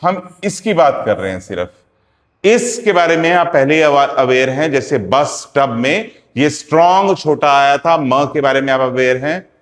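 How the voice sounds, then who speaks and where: A man gives a slow, deliberate phonetics lesson, sounding out each letter and repeating examples. His voice sits a little high and carries a long reverb around an echoey classroom. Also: expressive. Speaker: phonetics teacher. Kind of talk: classroom lecture.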